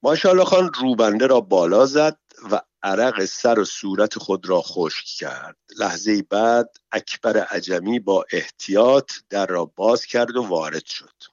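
A man narrating an audiobook in an even, measured storytelling manner. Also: lowish voice, no echo. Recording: dull, dry recording.

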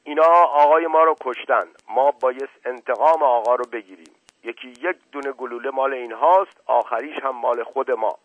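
A man voicing an excitable, loyal rustic male servant who shouts in agitation. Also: medium pitch, hardly any pauses, no room sound, lightly acted. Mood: agitated shouting. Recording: narrow phone-like band, dry.

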